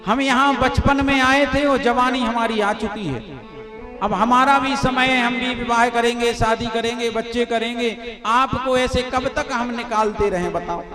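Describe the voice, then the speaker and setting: A man's voice: very high-pitched, steady tone, unhurried, music in the background. A man voicing the elephant's grown sons, impatient to leave their father.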